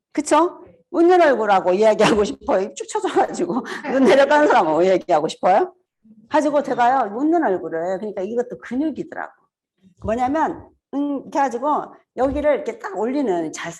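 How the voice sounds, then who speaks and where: A woman in her fifties speaks to a seminar audience in a casual, chatty way. Her voice sits a little high and swings widely in pitch. She laughs often and acts out little scenes as she talks. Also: big pitch swings, a little fast, a little mellow.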